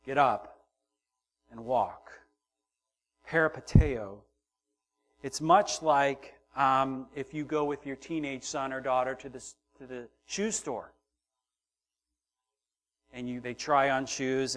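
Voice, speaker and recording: Preaching in a mid-range voice, this middle-aged pastor swings between soft, hushed moments and loud, forceful ones. He also performs the voices of the story's characters.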